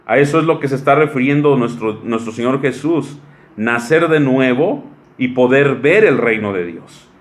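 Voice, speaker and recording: Pastor mexicano en sermón, voz de ritmo cambiante. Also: male voice, medium pitch. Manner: slow, stretched-out word lists with sudden quick asides. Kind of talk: sermon.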